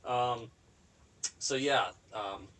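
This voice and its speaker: A man's voice: mid-range voice, very slow, a bit bright, low-quality recording. A young man co-hosting a podcast in casual chat, laid-back and agreeable, swearing now and then. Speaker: podcast co-host.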